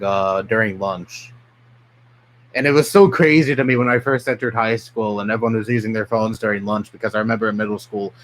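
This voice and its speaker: A man's voice: lowish voice, slight background noise, rough recording. A young man from New York City, a streamer ranting bluntly and profanely in casual live-stream chat. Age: young adult.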